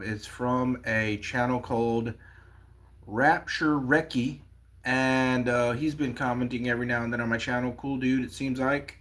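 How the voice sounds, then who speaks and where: A man hosting a casual livestream, talking in an excitable, rambling way with many fillers. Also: mid-range voice. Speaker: livestream host. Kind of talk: casual livestream chat about prophecy.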